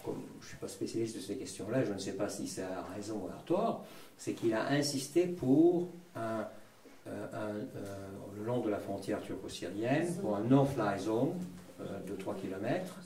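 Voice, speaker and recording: A man with a fairly low, creaky voice talks on a discussion panel. He feels his way through sentences with repeated words. He sounds slightly distant from the microphone in an echoing room. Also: expressive, moderate pace, warm tone, slight background noise. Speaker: panel speaker.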